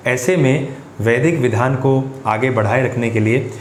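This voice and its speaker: Host from punjab asking earnest questions, throws in english words, echoey room. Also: male voice, mid-range voice, measured pace. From Punjab, India. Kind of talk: live session interview. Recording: echoey room with faint noise.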